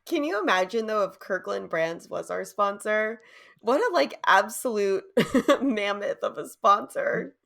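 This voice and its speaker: A woman co-hosts a casual podcast with an easy mid-pitched voice. She chats loosely and recaps a TV episode, breaking into giggles often. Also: expressive, measured pace, creaky, a bit bright. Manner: giggly, laughs a lot between words. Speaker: podcast co-host.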